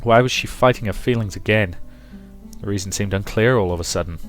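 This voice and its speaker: Faint music plays behind a fairly quick, lowish male voice. He's a British man in his twenties hosting a let's play, reading out a visual novel and offering casual, wry, meandering remarks.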